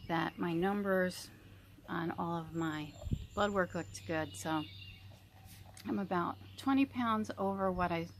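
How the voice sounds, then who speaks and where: A woman in her early fifties with a slightly low voice, recorded with some background noise. She talks in a casual vlog style, rambling and thinking out loud, often stopping partway through a sentence before picking it back up. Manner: rambling, reflective, pausing mid-sentence. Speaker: vlogger. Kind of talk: casual chit-chat mukbang vlog.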